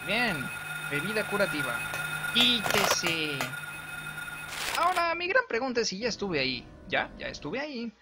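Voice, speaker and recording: Excitable man streaming a horror game. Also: high voice, brisk, very noisy. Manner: jokey, excitable, shouts at enemies, reads game text aloud. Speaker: let's player streamer. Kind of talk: live gameplay commentary. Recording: game music loud behind voice. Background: game music.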